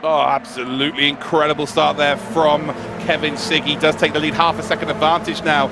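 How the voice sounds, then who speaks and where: A man with a fairly high voice gives live motorsport commentary as the analyst. He talks very quickly, in a conversational, enthusiastic way. Vehicle noise is clearly audible behind him. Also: little pitch movement. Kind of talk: live esports sim racing analysis.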